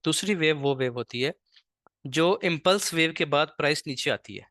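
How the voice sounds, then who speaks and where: A man teaching a live online trading class, patient and slow on purpose, often checking in with "ठीक है". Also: fairly high pitch, pushed and bright, no room sound, clean studio sound. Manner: speaks slowly on purpose.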